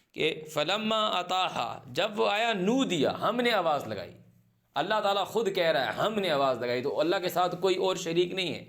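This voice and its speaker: A man's voice: fairly high pitch, gravelly, fairly bright tone. Man teaching scripture word by word. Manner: recites verses slowly, then translates and repeats each phrase; asks the class questions and answers them himself. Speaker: Quran teacher. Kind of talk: word-by-word scripture translation lesson.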